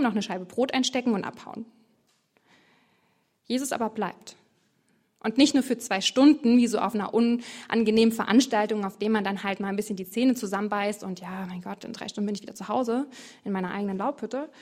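A woman teaching on a Bible passage in a lively, colloquial way, full of rhetorical questions. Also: medium pitch. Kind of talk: devotional bible commentary.

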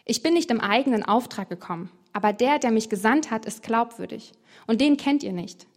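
Woman reading as a male preacher figure, emphatic, declaiming, slightly high voice. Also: expressive, brisk. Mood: earnest, insistent.

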